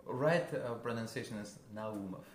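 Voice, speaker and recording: A man with a Russian accent, a guest musician, talking casually in a halting way, searching for words with many fillers. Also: on the low side. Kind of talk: casual interview. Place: a friend's house. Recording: roomy with background noise.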